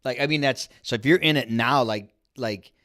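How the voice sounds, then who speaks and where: A man's voice: medium pitch, moderate pace, pushed and bright. A man co-hosting a podcast, telling a story in casual chat, rambling with many fillers and restarts. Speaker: podcast co-host.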